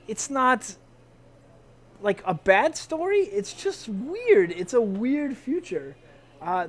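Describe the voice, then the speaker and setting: A man hosting casual weekly comic reviews, chatty and hesitant, restarting sentences and calling out emphatic verdicts. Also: high voice. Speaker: comic shop review show host.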